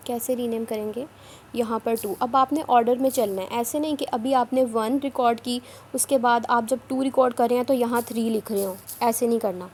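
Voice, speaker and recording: A woman's voice: a little high, steady tone, moderate pace, darkish tone, a little hiss or hum. A woman explaining step by step how to record and share audio files in a tutorial, repeating herself and sometimes scolding. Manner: repetitive, instructive, a bit scolding. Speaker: online work trainer.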